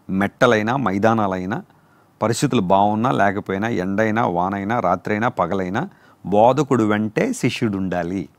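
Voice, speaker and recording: A man preaches a sermon, drawing out and repeating each term as he teaches. His voice is gravelly and swings widely in pitch. The sound is close and dry. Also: no room sound. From India. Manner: explains terms slowly, repeating and spelling out each word. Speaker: pastor. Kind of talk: sermon teaching on word meanings.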